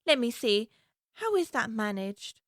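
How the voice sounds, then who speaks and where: A woman's voice: on the high side, big pitch swings, measured pace, no echo, clean studio sound. An actress playing Alice, a curious, plucky young girl who thinks aloud earnestly to herself. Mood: musing.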